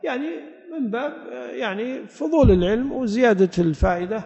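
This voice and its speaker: A man's voice: extremely high pitch, expressive, fairly quick, mellow. A man giving a Quran exegesis lesson, explaining step by step and quizzing his listeners with short questions. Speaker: religious teacher. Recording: echoey hall, dull lo-fi sound.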